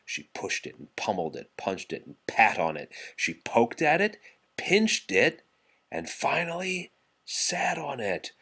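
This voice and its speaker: A man gives an expressive read-aloud of rhyming children's verse, theatrical and rhythmic in delivery. His voice is medium-pitched, husky and sharp, very animated, and a little slow.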